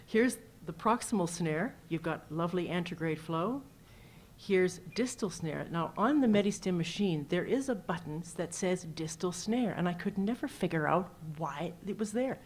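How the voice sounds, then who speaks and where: Brief: female surgeon at a lectern, lowish voice, chatty case stories, faint rumble under the recording. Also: animated, normal speed. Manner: casual, anecdotal, walks through slides with numbers. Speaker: cardiac surgeon presenting at a symposium. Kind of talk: conference presentation.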